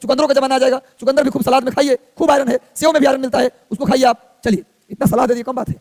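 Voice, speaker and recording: Man, exam coaching teacher, rapid-fire repetitive drilling, long room reverb. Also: extremely high pitch, level tone, creaky, darkish tone. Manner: rapid, repetitive drilling, sing-song listing. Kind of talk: energetic classroom lecture.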